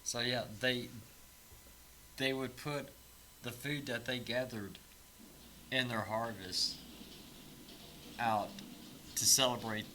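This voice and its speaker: A man's voice: medium pitch, steady tone, slow pace, long pauses, pushed and bright, slight background noise, low-quality recording. A man co-hosting a podcast in casual chat, laid-back and joking, often restarting his sentences. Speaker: podcast co-host.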